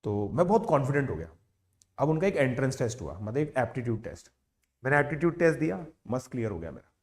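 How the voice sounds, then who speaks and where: A man in his thirties, an educator, tells a motivational story to online students in a casual, animated way. He mixes English words into his Hindi and checks in with listeners again and again. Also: medium pitch, quick pace. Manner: chatty, animated, with frequent "theek hai" check-ins.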